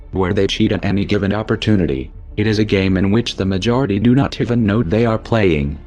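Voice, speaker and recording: A man speaking through a disguised deep voice, giving a grave, declamatory scripted manifesto narration. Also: darkish tone.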